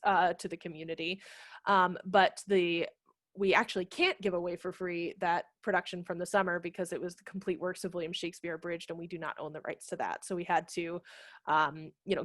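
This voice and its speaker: A woman in her thirties, managing director of a theatre company, explains things casually as an interview guest on a video call from her living room. She uses a headset mic, and her lowish voice sounds studio-quality with no room sound.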